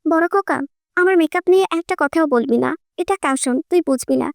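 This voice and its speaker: Vain, quarrelsome old granny with a sharp, scolding tongue, played by a woman reader, audiobook, dry recording. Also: sits high, a little fast, gravelly, no room sound. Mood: indignant.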